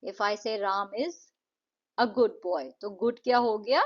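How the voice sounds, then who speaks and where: A woman with an Indian accent teaching an English lesson in an explanatory way. She reads the English lines slowly and deliberately, then explains them more quickly. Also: medium pitch, breathy edge. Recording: dull lo-fi recording.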